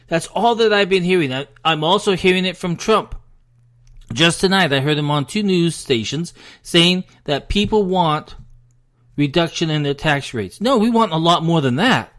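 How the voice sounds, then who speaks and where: An American man delivers a solo political rant in a somewhat high voice. He speaks emphatically and with open frustration, addressing his listeners directly. At times he sounds short of breath. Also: expressive, measured pace, fairly bright tone. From United States. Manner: frustrated, emphatic ranting to the audience. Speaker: political commentary host.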